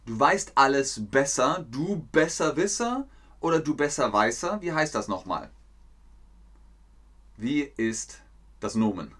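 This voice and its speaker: A man's voice: mid-range voice, big pitch swings, measured pace, long pauses, a bit bright. A man hosting a live-streamed German lesson, playful and talking to chat viewers by name. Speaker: German teacher hosting a livestream.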